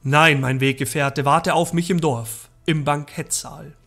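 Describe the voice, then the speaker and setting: Man doing a proud boastful wizard hero, grand old-fashioned declaiming, gravelly, storybook reading. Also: on the high side, steady tone, a little slow, a bit bright, soft background music, heavily acted.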